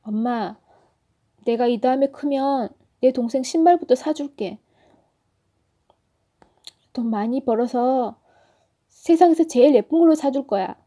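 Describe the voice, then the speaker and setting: A woman's voice: sits high, measured pace, few pauses, warm tone, voice pushed up. Woman doing a timid young schoolboy. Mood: earnest.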